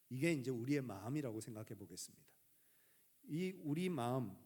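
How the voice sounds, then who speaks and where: A middle-aged man, a pastor, preaching a sermon with dramatic pauses and rhetorical questions. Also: fairly high pitch, a little mellow. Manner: acts out prayers and dialogue in a raised voice.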